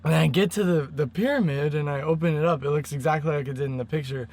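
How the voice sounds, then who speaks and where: Strained higher-pitched man rambling casually. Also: fast talker, a little mellow. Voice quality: strained from screaming. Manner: slangy, swearing. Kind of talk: casual rambling monologue to viewers.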